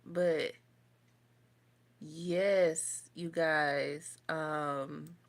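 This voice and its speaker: A woman's voice: low voice, steady tone, extremely slow. A young woman, chatting casually on a makeup livestream and answering viewer comments as she goes. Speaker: beauty vlogger doing a livestream. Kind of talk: casual livestream chat while doing makeup. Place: home, indoors.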